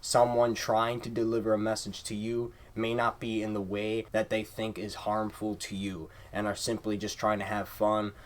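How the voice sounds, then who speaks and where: A man with a fairly low voice delivers an explanatory lesson. His phrasing is formal and measured, and he circles back to restate each point before moving on. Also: completely flat delivery. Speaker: teacher.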